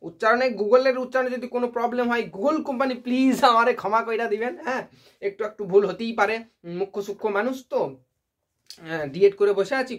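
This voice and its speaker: A man vlogging casually to his viewers, chatty and self-mocking, often laughing at himself. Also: high-pitched. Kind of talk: casual comedic vlog.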